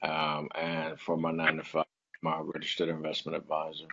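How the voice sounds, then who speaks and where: A man who is a preacher and author talking about himself as a guest on a chat show, in a slow, low, smooth manner. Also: completely flat delivery, fairly bright tone. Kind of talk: casual interview talk. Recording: lo-fi sound.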